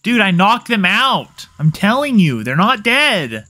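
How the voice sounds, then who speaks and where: Bright excitable man playing a game. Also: high voice, unhurried. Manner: playful, teasing, excitable. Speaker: gaming commentator. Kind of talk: casual let's-play banter.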